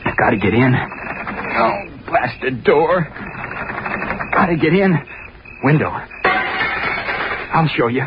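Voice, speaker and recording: An actor playing an earnest, obsessive, rejected young college student, hesitant and intense, in a 1930s radio drama. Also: male voice, mid-range voice, animated, slow, long pauses. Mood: feverish defiance. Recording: dull, very noisy 1930s radio recording.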